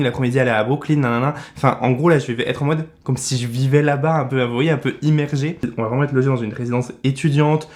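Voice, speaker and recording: A man's voice: medium pitch, darkish tone. A man in his twenties with a French accent, chatting casually in a beauty vlog and giving blunt product verdicts. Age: 20s. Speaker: beauty vlogger.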